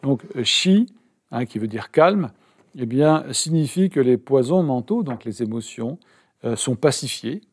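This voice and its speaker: A man's voice: medium pitch, lively intonation, moderate pace, darkish tone. A man interpreting a meditation teaching live, hesitant, with many fillers and self-corrections.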